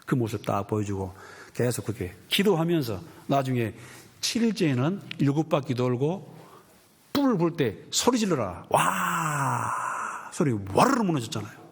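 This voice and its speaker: Husky-voiced pastor preaching animatedly. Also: male voice, mid-range voice, moderate pace. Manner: animated storytelling, acting out quoted voices. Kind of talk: sermon.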